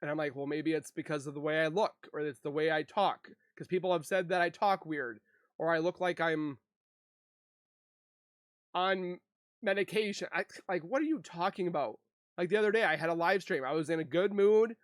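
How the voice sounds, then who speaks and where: A man with a somewhat high voice talks through his frustrations with his online audience. He speaks haltingly, restarting often and holding back tears. The recording is close and dry, with no room sound. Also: dry recording. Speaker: YouTuber. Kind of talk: emotional venting to viewers.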